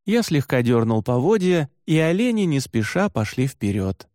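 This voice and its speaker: A man reading a children's audiobook in first person, with an expressive, lively delivery. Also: mid-range voice, moderate pace, dry recording, clean studio sound. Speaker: audiobook narrator.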